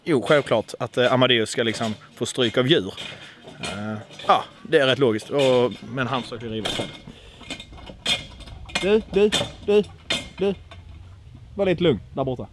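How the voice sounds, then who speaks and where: A man's voice: medium pitch, background noise. A man in his twenties, a YouTuber joking and laughing as he vlogs outdoors at a farm with animals. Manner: joking, playful, laughs often. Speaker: YouTuber filming with his nephew. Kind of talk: casual vlog chat.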